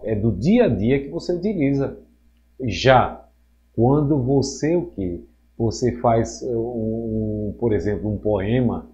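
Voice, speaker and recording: Joking Portuguese teacher, mellow muffled voice. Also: male voice, mid-range voice. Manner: lively and joking, acting out quoted voices. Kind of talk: recorded school lesson.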